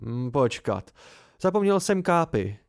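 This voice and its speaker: A man reading an eccentric, absent-minded robed man who lapses between booming theatrics and distracted hesitation. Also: sing-song, creaky, dry recording, clean studio sound. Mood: flustered.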